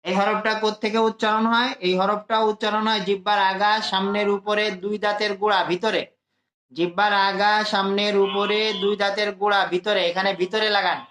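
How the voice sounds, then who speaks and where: Male Quran teacher who drills letters slowly, with a bright, echoey sound and faint music underneath. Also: sits high, little pitch movement. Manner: slow, drawn-out letter drills for students to repeat. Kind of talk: adult Quran reading lesson.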